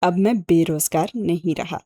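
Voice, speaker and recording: A woman's voice: on the low side, mellow, no echo, close to an everyday voice. A woman reading an audiobook and voicing a sardonic young man who explains his schemes with dry sarcasm. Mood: wry. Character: sharp, sardonic young man, ex-agent uncle.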